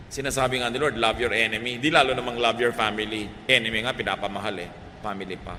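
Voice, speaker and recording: A middle-aged Filipino man preaching a sermon, shifting between Tagalog and English and swinging from loud emphasis to soft, quiet lines. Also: mid-range voice, a little hiss or hum. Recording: reverberant hall, faint ambience.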